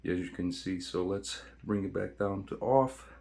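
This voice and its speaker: A man with a low-pitched voice hosts an informal how-to video. He talks casually to his viewers, going through settings one step at a time. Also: unhurried, darkish tone. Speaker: video host.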